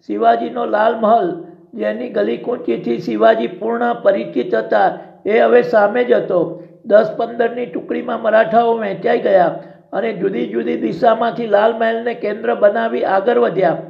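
A man narrating a story in a steady, dramatic storytelling manner, with a dull lo-fi sound. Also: very high-pitched, moderate pace, vocal fry. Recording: dull lo-fi recording.

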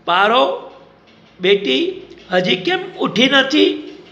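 A man's voice: sits high, expressive, a little slow, gravelly, pushed and bright, reverberant, dull audio, full character voice. A man voicing an anxious older queen mother in a read-aloud novel, asking worried, pleading questions. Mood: calling.

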